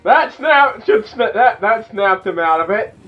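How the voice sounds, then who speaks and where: Young man, high voice, headset mic in a small room, slightly dull recording, excitable reaction host. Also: measured pace, recorded from a distance, faint music behind. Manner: excitable, loud outbursts, restarts mid-sentence. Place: small indoor room at home.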